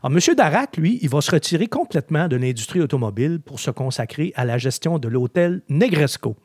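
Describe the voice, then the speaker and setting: A man hosting a podcast, telling history in a lively, chatty way with filler words. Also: fairly high pitch, brisk, no room sound, clean studio sound. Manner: chatty storyteller, animated, with frequent filler words. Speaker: podcast host. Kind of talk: casual podcast chat.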